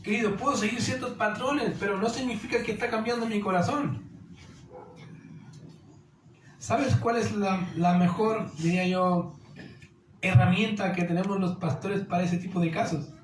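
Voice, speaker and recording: A man's voice: high-pitched, fairly even intonation, normal speed, long pauses. A man preaching a sermon as pastor, earnest, often asking listeners rhetorical questions and calling them dear. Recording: echoey hall with faint noise.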